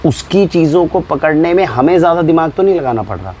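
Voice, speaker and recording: An Indian man who owns an organic store explains food labels to viewers, with animated, exasperated rhetorical questions. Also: a little high, fast, a little hiss or hum. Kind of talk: explainer talk to camera.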